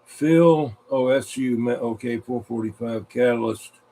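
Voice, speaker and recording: The host of a vintage radio show livestream speaks in a dark, mid-range voice, a little slow, sounding congested with frequent coughs and throat clearing. Folksy and rambling, he greets viewers and mutters to himself. The recording carries room ambience and clear background noise.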